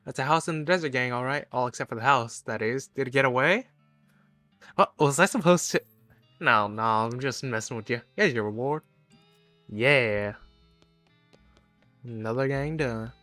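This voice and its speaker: A man's voice: medium pitch, moderate pace, long pauses, sharp tone, dry recording. A man streaming a game, reading its dialogue aloud with jokey asides. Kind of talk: casual game playthrough. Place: home streaming setup. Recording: dry close mic with faint game music.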